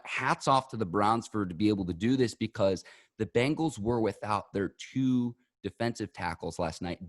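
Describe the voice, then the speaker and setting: Male sports podcast host with a fairly low pitch and dry, room-free sound. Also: dry recording.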